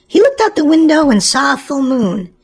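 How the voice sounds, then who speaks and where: Hosting a children's program, this woman reads a storybook to young kids with lively, exclamatory energy. Her voice is high, her pitch rises and falls dramatically, and her speed is ordinary.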